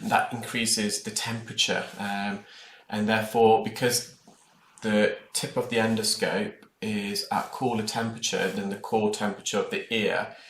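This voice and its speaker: An ear care clinician narrates his own procedure videos in a hesitant, rambling, informal way, explaining things to viewers. His voice is lowish and fairly bright, with little pitch movement and a normal speed. The room is echoey, and the noise of the procedure is clearly audible behind him.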